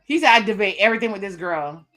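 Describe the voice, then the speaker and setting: A reaction host with a mid-range voice talks fast, her intonation lively and her tone fairly bright, over faint background music. She casually recaps a dating show on a live stream, relaying cast members' words with chatty asides.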